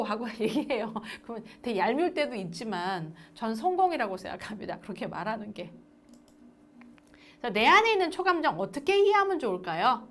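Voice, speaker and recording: A woman lecturing parents in a recorded parenting class, often asking her listeners questions. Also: on the high side. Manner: lively, asks the audience questions.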